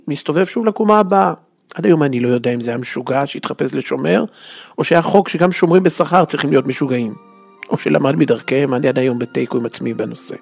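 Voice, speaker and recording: Husky man telling a comic story. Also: medium pitch, a little mellow. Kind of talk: comic first-person storytelling.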